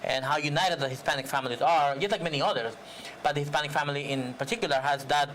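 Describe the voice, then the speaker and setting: A man hosting a TV interview, asking rambling, halting questions with many fillers. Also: fairly high pitch, a bit bright, slight background noise. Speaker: TV show host.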